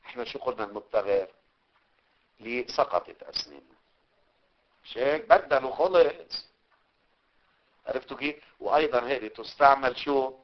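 A man with a Levantine Arabic accent teaching a religious studies class, dictating notes, drawing out key words and checking that his students follow. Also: mid-range voice. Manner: explains slowly, checks understanding, stretches key words. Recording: dull lo-fi recording.

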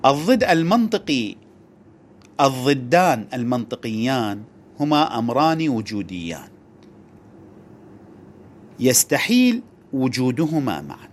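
A man teaching a lesson. He explains in a methodical way and restates each point to make it clear. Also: mid-range voice, sing-song, measured pace, long pauses, slight background noise. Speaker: religious studies teacher. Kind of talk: lecture.

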